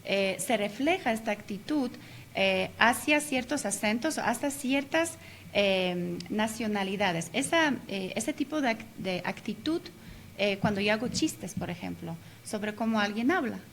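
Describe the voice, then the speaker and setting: A woman's voice: medium pitch, expressive, measured pace, slight background noise. Hesitant woman explaining on radio. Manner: explanatory, many hesitation fillers. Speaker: interview guest, language teacher. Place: radio studio.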